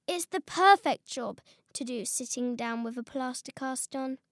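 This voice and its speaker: A kindly, practical mum from a children's storybook, put on by a woman reading aloud, gently encouraging and a little raised in pitch. The voice sits close and dry, with no room sound around it. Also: measured pace, no room sound.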